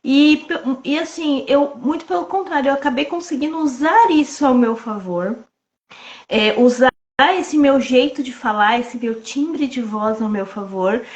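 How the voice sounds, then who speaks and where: A woman with a soft, childlike voice talking calmly about sales in a casual live chat over a video call. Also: high-pitched, unhurried, lo-fi sound. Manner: calm, reassuring, many fillers. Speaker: sales trainer.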